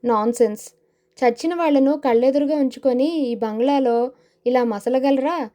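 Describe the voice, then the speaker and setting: A woman's voice: high-pitched, normal speed, mellow, natural voice. A woman voicing a brave, indignant young man. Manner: indignant, defensive retorts.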